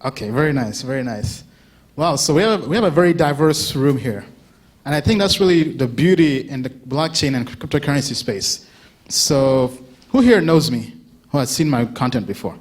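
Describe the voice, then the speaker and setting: At a conference, a Ugandan man in his thirties gives a relaxed talk, chatting with the audience, posing questions and laughing often. His mid-range voice is expressive and moves at a normal speed.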